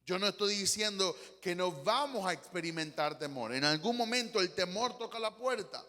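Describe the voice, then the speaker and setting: Impassioned high-voiced preacher, Panamanian accent. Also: male voice, expressive, moderate pace, bright, forceful tone, big-room sound. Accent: Panamanian Spanish. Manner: impassioned preaching with acted-out quotes. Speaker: pastor. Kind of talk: sermon.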